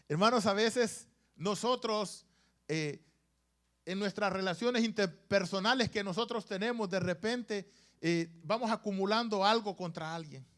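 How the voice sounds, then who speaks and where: A man's voice: high-pitched, fairly bright tone. A man preaching to his congregation in a church, with sudden rises and drops in emphasis and frequent asides to the brothers and sisters. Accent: Latin American Spanish. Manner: rising and falling emphasis, calls the congregation "hermanos". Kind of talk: sermon. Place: church sanctuary.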